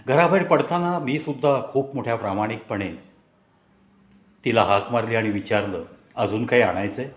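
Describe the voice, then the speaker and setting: A man narrating a personal story in a conversational, reflective way with dramatic pauses. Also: mid-range voice. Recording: echoey room.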